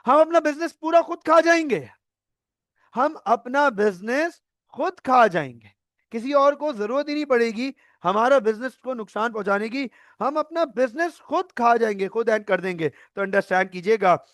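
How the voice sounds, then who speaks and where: A man's voice: very high voice, animated, normal speed, fairly bright tone, dry recording, studio quality. A male accounting tutor giving an online lecture, playfully acting out scenarios and mixing in English terms.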